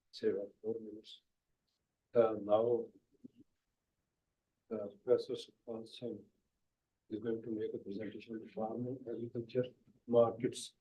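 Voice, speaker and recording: A man chairs a seminar in a conference room. He speaks in a mid-pitched, warm, mellow voice. His speech is halting and full of fillers as he introduces a speaker. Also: rough recording. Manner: halting, with many pauses and fillers. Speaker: session chair.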